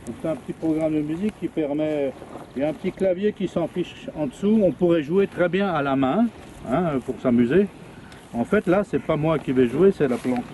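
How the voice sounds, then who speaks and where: A man's voice: fairly high pitch, moderate pace, dark tone, a little hiss or hum. An older man, a retired music teacher, patiently explaining a plant music demonstration outdoors in a garden.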